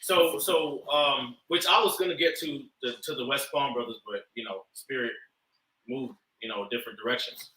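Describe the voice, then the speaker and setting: A man's voice: mid-range voice, moderate pace, sharp tone, recorded from a distance. A man talking in loose casual chat, swearing and using many fillers. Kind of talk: casual storytelling. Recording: echoey room, off the mic.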